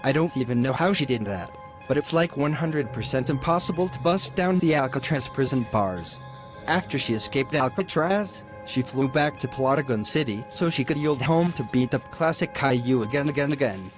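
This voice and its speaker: A man's voice: mid-range voice, lively intonation, normal speed, over music. A man voicing a stern middle-aged judge in a homemade animation, lecturing at length and sounding exasperated. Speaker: narrator and voice actor of an animation.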